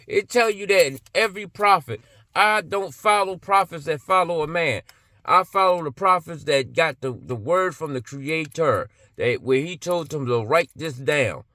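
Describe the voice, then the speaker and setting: A man's voice: fairly high pitch, bright, forceful tone, dry recording. A man giving an impassioned religious monologue, emphatic and blunt, firing off rhetorical questions and swearing freely.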